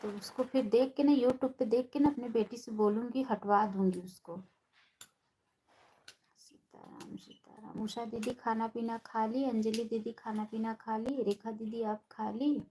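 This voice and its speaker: A woman hosting a casual live stream, chatting with viewers by name and speaking softly and slowly on a phone. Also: on the high side, steady tone, slight background noise, rough recording. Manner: talks softly and slowly, holding her voice down.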